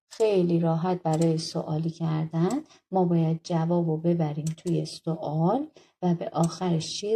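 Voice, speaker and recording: A woman with a very dark, mellow voice teaches a lesson. She works patiently through each exercise, asking questions and answering them herself. Her tone is slightly husky and a little low. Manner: patient, asks questions then answers them, slow over example phrases. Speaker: language teacher. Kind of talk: explaining a textbook exercise.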